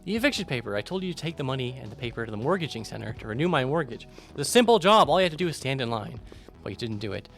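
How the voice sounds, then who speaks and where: A man's voice: medium pitch, very animated, rapid-fire, hardly any pauses, fairly bright tone, soft background music. A man voicing a bitter, self-pitying old man who scolds and calls names as he reads out game dialogue. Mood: bitter scolding. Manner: ranting, name-calling. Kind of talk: video game voice acting over gameplay.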